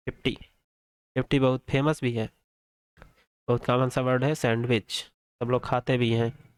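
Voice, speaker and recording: A man with an Indian accent teaching an English vocabulary lesson, reading English prompts slowly, explaining them in Hindi and asking the learner which option is right. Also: medium pitch, smooth, no echo. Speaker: English exam tutor. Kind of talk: quiz-style vocabulary lesson.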